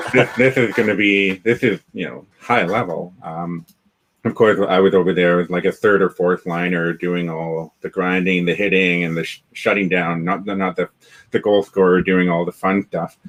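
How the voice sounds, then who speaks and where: Deep-voiced Canadian man, rambling chat. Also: steady tone, normal speed, fairly bright tone, rough recording. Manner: rambling, many restarts and fillers. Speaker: guest, developer community founder. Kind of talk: casual interview chat. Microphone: video call.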